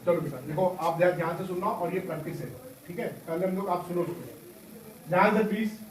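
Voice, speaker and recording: A hoarse man leading a school workshop, quizzing pupils with call-and-response questions in a classroom. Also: sits high, fairly quick, far from the mic, slight background noise. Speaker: workshop trainer. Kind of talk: classroom talk to students. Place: large echoing school classroom. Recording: echoey classroom taped from afar, student chatter. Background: students murmuring.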